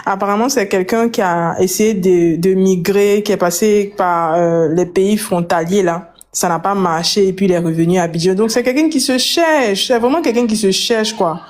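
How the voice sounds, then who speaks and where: A woman's voice: medium pitch, normal speed, hardly any pauses, a little mellow. Hesitant chatty woman on a live panel. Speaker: panel participant. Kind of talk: casual live chat.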